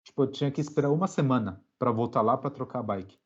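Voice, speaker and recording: A young Brazilian man, a podcast guest, telling a story in a relaxed, slangy way with many fillers. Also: mid-range voice, fast, highs cut off. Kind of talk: casual storytelling interview.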